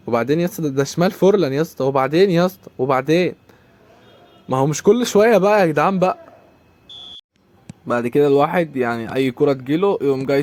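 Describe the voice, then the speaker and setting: Egyptian guy ranting fast over his football game, kinda high voice, keeps repeating himself. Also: darkish tone. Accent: Egyptian Arabic. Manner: exasperated, rapid banter, repeats complaints. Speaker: gaming YouTuber. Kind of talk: live commentary over a football video game.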